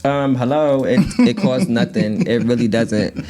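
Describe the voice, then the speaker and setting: A man's voice: mid-range voice, a little slow, mellow. A man from Connecticut co-hosting a podcast, chatty and joking as he speaks directly to the listeners. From New Haven, Connecticut. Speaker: podcast co-host. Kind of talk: casual chat.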